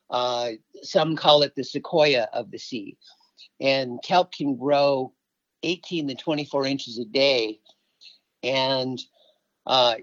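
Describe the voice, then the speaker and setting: A middle-aged environmental activist from Alaska, United States, answers conversationally as an interview guest. His voice sits in the mid-range with no echo, and the dry lo-fi recording sounds slightly dull.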